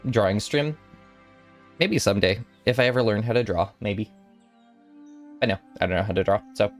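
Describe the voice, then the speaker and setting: A man's voice: on the low side, moderate pace, faint music behind. A young man in his twenties chatting casually with viewers on a stream, rambling and playful with giggly asides. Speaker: VTuber streamer.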